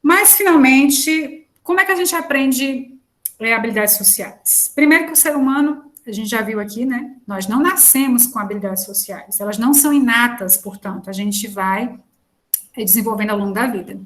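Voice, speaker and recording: Woman, online lecturer, slightly high voice, chatty delivery with fillers. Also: moderate pace, a bit bright. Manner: conversational, frequent fillers and restarts.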